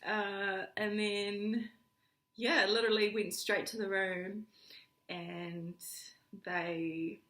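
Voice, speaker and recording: Young woman, vlogger, chatty storyteller, mid-pitch voice, roomy echo. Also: drawn-out words. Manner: animated, laughing, acts out quoted lines. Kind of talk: casual storytelling. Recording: echoey room.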